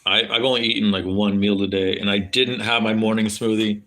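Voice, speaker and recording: Here a man with a standard American accent holds a casual, meandering chat with live stream viewers, swearing liberally and using many fillers. He talks briskly in a lowish, sharp-toned voice that barely moves in pitch.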